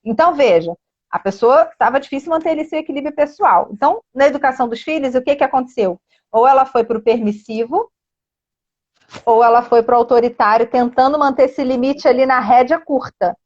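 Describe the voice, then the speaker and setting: A woman's voice: high voice, a little fast, highs cut off. A woman with a Brazilian Portuguese accent speaking earnestly as a child education coach in a casual live stream, addressing viewers directly.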